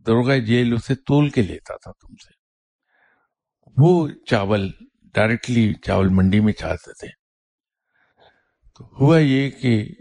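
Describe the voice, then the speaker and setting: Man doing a patient old king, lowish husky voice, gentle storyteller tone. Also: dry recording. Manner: measured, explaining gently. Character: kindly wise old king, patient and calm.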